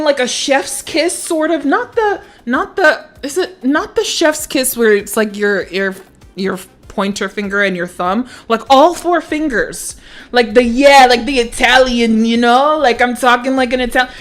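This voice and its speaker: A woman's voice: on the high side, fairly bright tone. A woman streamer chatting casually on a livestream, swearing freely and often breaking into laughter. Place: standing at a home streaming setup.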